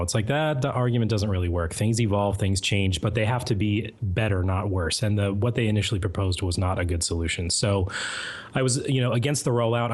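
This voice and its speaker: A man, a guest mod author, giving long, even-tempered answers in a casual interview. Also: fairly low pitch. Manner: measured, hedging, lots of fillers.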